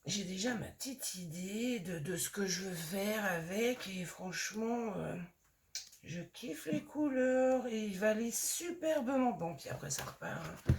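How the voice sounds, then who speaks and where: A woman with a slightly hoarse voice, chatting casually and gushing as she shows off craft supplies in a haul video. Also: medium pitch, expressive, measured pace, a little mellow, slight background noise. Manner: chatty and gushing, lots of fillers. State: voice a bit hoarse. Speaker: scrapbooking vlogger.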